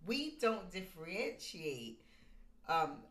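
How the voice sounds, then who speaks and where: A woman co-hosting a casual podcast, talking emphatically as she tells personal stories. Her pitch swings widely, and her tone is bright and forceful. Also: very animated, slow, a little hiss or hum. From United States. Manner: emphatic, storytelling. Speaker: podcast co-host.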